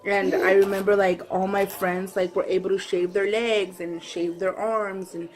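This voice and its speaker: A woman's voice: medium pitch, flat delivery, normal speed, faint music behind, rough recording. Woman chatting casually over a meal. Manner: talking while eating. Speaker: vlogger and mother. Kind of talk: casual chat to viewers.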